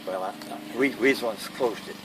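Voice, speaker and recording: A man's voice: on the low side, a little fast. Old guy w/ kentucky accent telling war memories, plain talk, bit far from the mic, lots of vehicle noise. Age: elderly, 80s or older. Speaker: World War II veteran being interviewed. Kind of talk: first-hand war recollection. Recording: noisy, distant mic, vehicle-like background noise.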